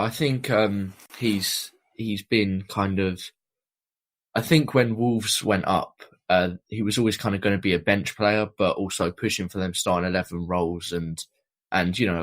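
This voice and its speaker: Man, podcast panelist, very deep voice, measured, leans on "kind of". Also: steady tone. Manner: measured, lots of "I think" and "kind of". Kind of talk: casual fan podcast chat.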